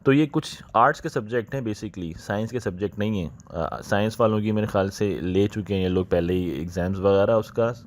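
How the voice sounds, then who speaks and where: A man, talking viewers through job openings in a casual, unhurried way, often slipping into English phrases and pausing to think. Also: on the low side. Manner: unhurried, thinking aloud with many "uh" pauses. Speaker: channel host explaining job openings. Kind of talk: casual explanatory walkthrough.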